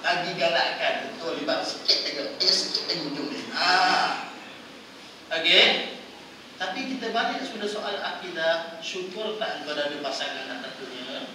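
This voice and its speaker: A man with a Malaysian Malay accent giving a lively, playful religious lecture in a prayer hall, often quizzing his audience. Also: on the high side, moderate pace. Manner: playful, quizzes audience, acts out wives' voices. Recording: echoey hall, distant mic, noisy.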